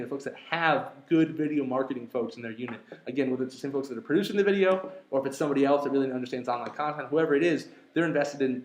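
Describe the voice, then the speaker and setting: A young man hosting a live webinar, talking energetically and conversationally, with frequent fillers and quick asides. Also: on the high side, echoey room, poor audio. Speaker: webinar host and speaker.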